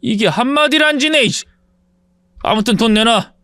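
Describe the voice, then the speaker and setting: A reader doing a pathetic blustering ex-husband. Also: male voice, extremely high pitch, lively intonation, normal speed, sharp tone, no echo, clean studio sound, pitched above the performer's own voice, heavily acted. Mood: angry. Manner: gruff, pleading, blustering. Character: pathetic indebted ex-husband, whiny then blustering.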